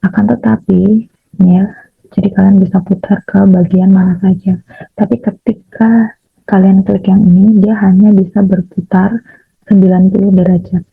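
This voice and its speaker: A young woman explains a computer tutorial step by step, pausing often on fillers. Her voice is gravelly and very raspy, in a flat delivery. The audio is dry and thin, as if over a phone line. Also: mid-range voice, dry recording. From Indonesia. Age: young adult. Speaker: chemistry education student. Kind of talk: software tutorial screencast.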